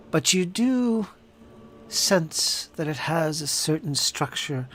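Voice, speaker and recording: A man running a tabletop game as game master, narrating scenes in a deliberate, descriptive way with a shifting pace. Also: fairly high pitch, expressive, a bit bright, a little hiss or hum.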